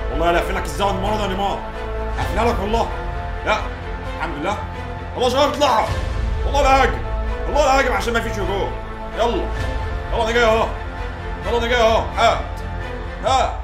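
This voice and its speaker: A young man with an Egyptian accent, commentating his own football video game match and shouting and pleading at the play. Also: high-pitched. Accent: Egyptian Arabic. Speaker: gaming YouTuber. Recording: echoey room with game music.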